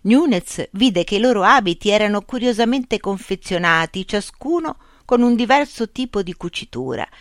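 An audiobook narrator reading a classic tale in a measured, storytelling way. the voice has a lively rise and fall, and it is recorded dry and close with no room sound. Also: medium pitch, no echo.

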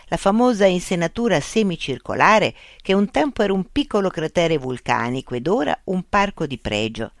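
Expressive, melodic storybook narrator. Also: medium pitch, dry recording, studio quality.

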